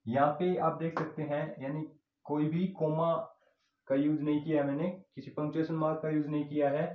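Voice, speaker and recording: A man teaching a grammar lesson in Hindi and English, dictating slowly as he writes on a board, with an Indian English accent. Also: fairly high pitch, level tone. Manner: slow dictation while writing on a board, switching between Hindi and English. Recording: echoey room, dull lo-fi sound.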